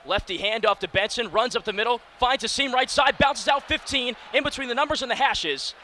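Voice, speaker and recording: Calling live football play-by-play on the radio, a man in his early twenties uses energetic, clipped phrasing in a very high-pitched, fairly quick voice. He's at a broadcast position inside a domed stadium, with steady stadium ambience behind him.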